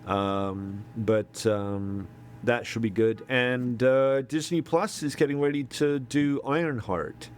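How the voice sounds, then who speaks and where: A man's voice: mid-range voice, a little hiss or hum. A middle-aged man co-hosting a podcast, chatting casually and hesitantly, with many ums and restarts. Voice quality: halting, lots of ums and repeats. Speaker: podcast co-host. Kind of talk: casual chat.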